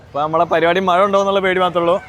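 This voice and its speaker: A man with a hoarse, strained voice, hosting a casual family vlog and teasing relatives along. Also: high-pitched, flat delivery, racing, fairly bright tone. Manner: playful, teasing, eggs people on. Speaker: vlogger host.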